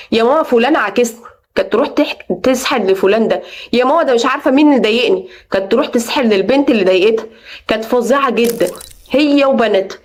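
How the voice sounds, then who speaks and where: Middle-aged Egyptian woman, first-person storyteller: high, rapid, earnest. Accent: Egyptian Arabic.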